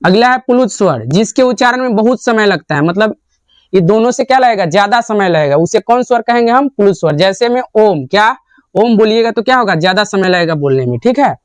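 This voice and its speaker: A man's voice: high-pitched, lively intonation, brisk, no echo. Male teacher drilling answers. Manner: asks a question, then answers and repeats it. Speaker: Hindi grammar teacher. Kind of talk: classroom lecture.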